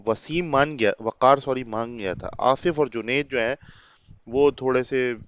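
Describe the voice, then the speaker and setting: Man teacher, slow unhurried pace, smooth clear voice, dry close sound, slightly dull recording. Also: medium pitch, dry recording. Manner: reads English lines slowly, then explains word by word; addresses the listener as a child, calls them beta. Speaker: English teacher. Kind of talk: explaining an English reader in Urdu-Hindi.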